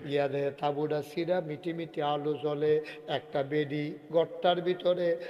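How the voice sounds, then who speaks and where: A man delivering a waz sermon in a regional Bangladeshi Bengali accent, with a fairly high voice. He tells the story dramatically, dropping to a hush and then rising to shouts and sung refrains. His voice rings in a long echo, as in a hall. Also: little pitch movement, moderate pace, lo-fi sound. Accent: Bangladeshi regional Bengali dialect. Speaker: preacher. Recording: reverberant hall.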